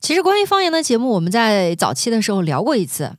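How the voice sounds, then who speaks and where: A woman from Xinjiang co-hosts a podcast with a lively, trained broadcaster's delivery, and her pitch moves a great deal. The sound is close and dry. She explains things clearly in a casual chat. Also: quick pace, dry recording. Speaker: podcast co-host.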